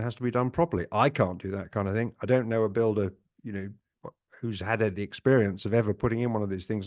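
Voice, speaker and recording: A man's voice: mid-range voice, darkish tone. An older man hosting a podcast, telling a rambling personal story with many fillers, restarts and hesitations. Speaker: podcast host. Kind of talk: casual monologue.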